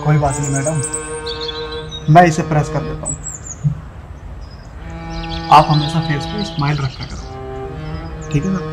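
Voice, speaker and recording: Man as a polite, gentle house helper. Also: a little high, steady tone, a little slow, pauses often, over music, natural voice. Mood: soothing. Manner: polite, soothing. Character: gentle, eager-to-please male house helper.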